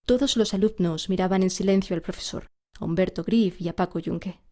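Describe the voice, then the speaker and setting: A woman narrating a storybook aloud in a steady, even storytelling manner. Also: lowish voice, brisk.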